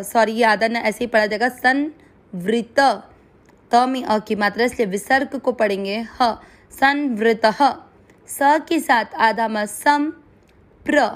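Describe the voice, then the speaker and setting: A woman with a Hindi accent teaching Sanskrit pronunciation, breaking words into syllables and drilling them slowly and carefully. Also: on the high side. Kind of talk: pronunciation lesson.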